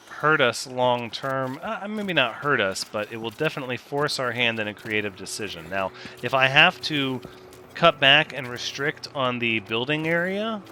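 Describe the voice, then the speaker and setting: A man's voice: mid-range voice, bright, forceful tone, slight background noise. A man giving casual gameplay commentary, thinking aloud, counting pieces and joking with himself as he builds.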